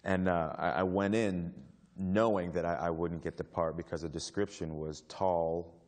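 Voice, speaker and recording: A man on a panel telling a casual story to an audience. He talks haltingly, with many fillers and restarts, and laughs often. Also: deep voice, steady tone, a little mellow. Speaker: actor on a panel. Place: stage before a live audience.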